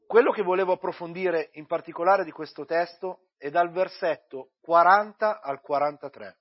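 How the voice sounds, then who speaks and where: A man preaching a church sermon, praying with many pauses and repeated addresses, then reading and explaining scripture. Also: fairly high pitch, highs cut off. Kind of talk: sermon with prayer and Bible reading.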